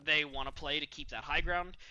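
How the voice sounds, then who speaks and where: A man's voice: fairly high pitch, steady tone, fairly quick, sharp tone. A young man with the hiccups, coaching a team through a match replay and calling out plays. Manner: instructive, analytical, calls out plays as they happen. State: has the hiccups. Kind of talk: live game review commentary.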